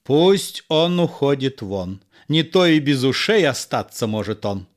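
A man's voice: medium pitch, big pitch swings, measured pace. A man voicing a bold, swaggering swordsman-poet who threatens and mocks in verse. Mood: mocking. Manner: scornful, threatening, mocking politeness.

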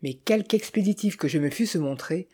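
Mellow, husky audiobook narrator. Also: medium pitch. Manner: measured, steady storytelling. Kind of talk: scripted first-person narration.

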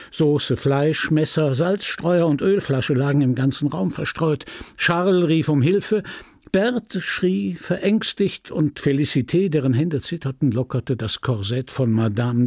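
A man reading a classic novel aloud as an audiobook, with dramatic, measured storytelling on a close studio mic. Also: mid-range voice, a little mellow, slightly rough, dry recording. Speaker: audiobook reader. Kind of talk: literary audiobook narration.

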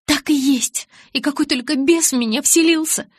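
A woman's voice: on the high side, moderate pace, breathy edge, no echo, studio quality, pitched above the performer's own voice. A woman voicing an anguished young woman who blames herself and bursts out emotionally. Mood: distraught. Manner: emotional, rising to loud outbursts.

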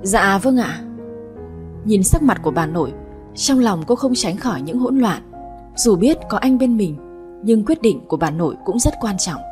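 A woman calmly narrating a family drama story. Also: medium pitch, moderate pace, soft background music.

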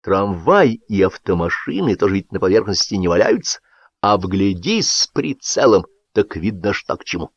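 Brief: a domineering male editor who talks down to his staff, raised and lively, read by a man, dull lo-fi audiobook. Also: deep voice, normal speed, dry recording, full character voice. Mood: lecturing. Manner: authoritative, condescending. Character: stern domineering male newspaper boss.

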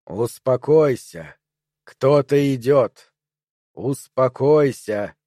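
A creeping, many-voiced parasite that coaxes and urges murder, each word drawn out slowly, as a man puts it on. The tone is soft, mellow and insistent in a dry, close recording. It belongs to a dark audiobook thriller. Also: dry recording, lightly acted. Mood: coaxing. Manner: slow, low, coaxing and insistent.

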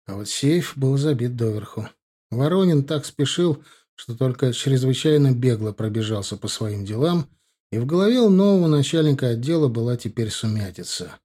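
Husky warm male audiobook narrator. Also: mid-range voice, expressive, normal speed. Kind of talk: scripted narration.

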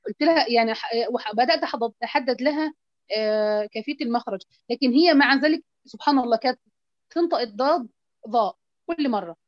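A woman's voice: on the high side, fast, dry recording. A woman with an Egyptian accent, a Quran recitation teacher, asking a question hesitantly with many fillers. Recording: dull dry lo-fi call audio.

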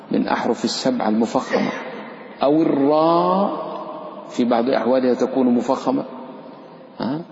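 A man's voice: mid-range voice, creaky, a little mellow, slight background noise. Man teaching recitation in an echoey hall. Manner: explains patiently, chants short recited examples. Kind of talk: lesson on tajweed rules. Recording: echoey hall, dull lo-fi sound.

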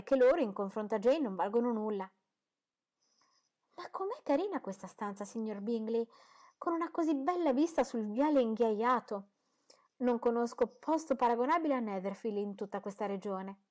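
A woman reading an audiobook, voicing a fussy, boastful middle-aged mother who talks in a gushing, indignant way. She sounds a little higher and louder than her narration. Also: lightly acted.

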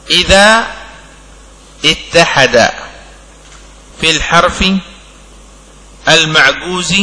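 A man teaching a religious law text in a classroom lesson, speaking in slow, broken-up phrases and checking understanding with short questions. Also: a little high, sharp tone, long reverb tail, slight background noise, poor audio. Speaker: sheikh teaching a fiqh text.

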